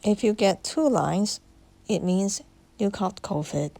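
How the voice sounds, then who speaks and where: A woman, hoarse from illness, plainly explaining and demonstrating items for a home video. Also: medium pitch, lively intonation, slow, dark tone, dry recording. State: hoarse sick voice. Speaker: vlogger.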